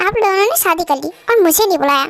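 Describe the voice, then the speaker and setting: Woman voicing a spoiled young sister, whiny, pouting, very high voice, dry close sound. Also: lively intonation, fast talker, no echo. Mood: sulky. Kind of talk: amateur Hindi fan dub.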